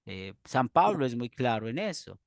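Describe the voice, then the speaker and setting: A man, a pastor teaching a church doctrine class in an earnest, explanatory way with pauses and restarts. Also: medium pitch, very animated, vocal fry, no echo, studio quality.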